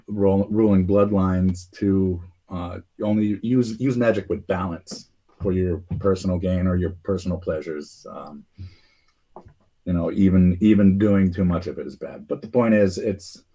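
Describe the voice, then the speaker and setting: The voice belongs to a podcast host chatting casually about conspiracies, low and husky with a consistently mellow, dark tone. His delivery wanders, full of restarts and fillers like "uh" and "um."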